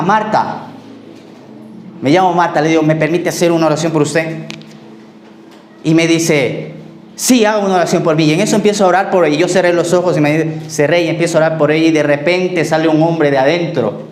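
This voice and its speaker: A male pastor preaching a sermon and telling personal stories, acting out the dialogue and sometimes trailing off quietly. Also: fairly high pitch, fairly even intonation, a little fast, roomy sound, a little hiss or hum. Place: church.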